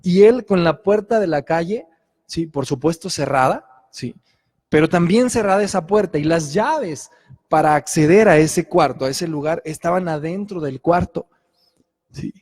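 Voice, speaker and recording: A man's voice: a little high, expressive, normal speed, a little mellow, husky, in a large hall. A middle-aged man preaching a sermon, telling a personal story earnestly and checking in with listeners often.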